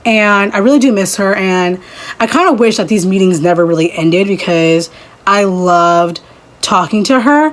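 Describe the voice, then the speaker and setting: A young woman vlogging casually while doing her makeup, rambling and chatty, leaning on "literally" and "like" and speeding up in quick bursts. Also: medium pitch. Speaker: beauty vlogger. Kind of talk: casual chat over a makeup tutorial.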